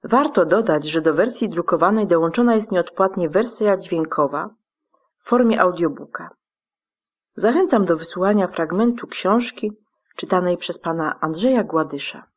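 Female radio host, formal and measured, reading a prepared script in a lowish voice. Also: lively intonation. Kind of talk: scripted presentation.

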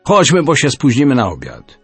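Narrator doing a calming soldier, husky, persuasive. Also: male voice, mid-range voice, moderate pace, dry recording, soft background music, heavily acted. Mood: placating. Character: calm male German soldier, placating comrade.

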